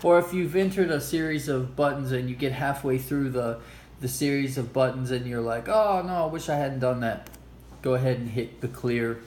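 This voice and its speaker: With a darkish tone, medium pitch and moderate pace, this host of a retro game play-through video walks viewers through a casual hands-on demo. He explains things loosely, nerdy and amused with himself, and the amateur recording is clearly noisy.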